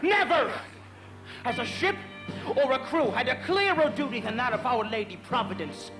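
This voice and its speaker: An actor playing a brave, earnest, commanding sea captain with declamatory delivery in a stage musical. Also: male voice, very high voice, very animated, moderate pace. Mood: resolute. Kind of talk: musical stage show acting. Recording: stage show under loud music.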